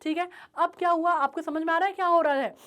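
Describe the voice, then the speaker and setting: High-voiced teacher checking in often. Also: female voice, fairly even intonation, fast, a bit bright. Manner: explains with frequent check-in questions; mixes Hindi and English terms. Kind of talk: chapter explanation lesson.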